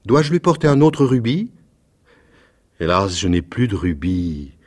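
A man voicing a gentle, sorrowful statue prince in a storybook reading, low, slow and solemn. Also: very animated.

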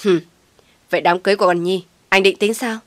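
A woman's voice: medium pitch, fairly even intonation, quick pace, dry recording, close to an everyday voice. A woman voicing an angry middle-aged father who bellows and mocks in a storybook reading. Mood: sarcastic. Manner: shouting, sarcastic.

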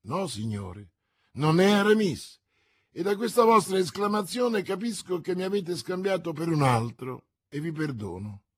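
A man with a husky voice voicing a composed foreign nobleman who speaks in a calm, authoritative way. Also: a little high, moderate pace, hardly any pauses, no echo, studio quality, pitched above the performer's own voice, full character voice. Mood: haughty.

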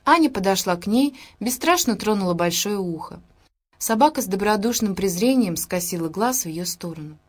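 Brief: female audiobook narrator, measured scripted narration, middle pitch. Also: expressive.

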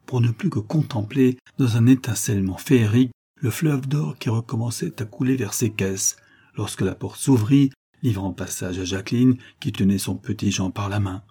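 A male narrator reading a classic novel aloud with measured, dramatic phrasing. His voice is low and dark, with a husky, unpolished edge. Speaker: audiobook narrator. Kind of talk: literary audiobook reading.

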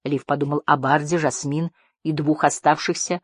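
An audiobook narrator reading a fantasy story in a steady, measured way. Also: mid-range voice, dry recording, studio quality. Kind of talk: scripted narration.

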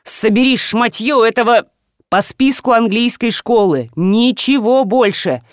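A woman's voice: on the high side, expressive, a little slow, dry recording, clean studio sound. A woman voicing a furious, bossy wealthy father who barks orders at his household, in an audiobook. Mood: raging, commanding. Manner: shouting, barking orders. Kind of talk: audiobook character voice.

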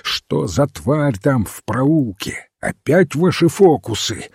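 A man reading the part of a blunt, agitated square-faced man who shouts out questions. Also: mid-range voice, big pitch swings, takes it slowly, gravelly, husky, dry recording, clean studio sound, pitched above the performer's own voice, full character voice.

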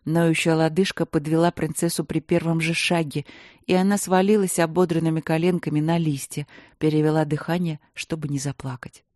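An audiobook narrator reading a romance fantasy in an even, measured storytelling manner. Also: medium pitch, dry recording, clean studio sound.

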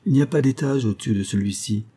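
A man's voice: medium pitch, fast talker, dark tone, slightly rough, natural voice. A man voicing a young man with a lantern who makes a wry joke. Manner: wry, joking.

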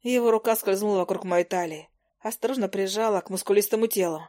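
A woman's voice: mid-range voice, fast talker, warm tone. Woman narrating an audiobook. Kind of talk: scripted first-person narration.

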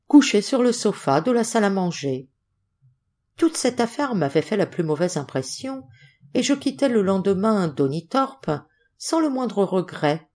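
A woman narrating an audiobook story in a measured, expressive reading. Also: lowish voice. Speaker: audiobook reader.

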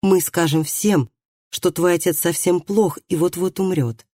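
A reader voicing a kind, reassuring male village doctor in an audiobook, speaking calmly and gently. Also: medium pitch, unhurried, dry recording, studio quality, close to an everyday voice. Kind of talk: audiobook dialogue reading.

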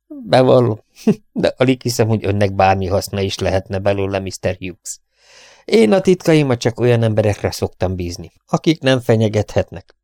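A sneering young villain, as a male audiobook reader puts him on, mocking his captives and laughing between threats. The voice sits fairly low with a dry, close sound. He gloats over every word. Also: big pitch swings, a little mellow, dry recording. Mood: gloating, menacing. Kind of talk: audiobook character reading.

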